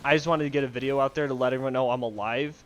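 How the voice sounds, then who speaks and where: A man's voice: mid-range voice, steady tone, very fast, a little hiss or hum. A young man ranting casually about games he dislikes, profane, rambling and sarcastic, recorded on a headset mic in his bedroom. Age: young adult. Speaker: gaming video ranter. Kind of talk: casual rant to camera.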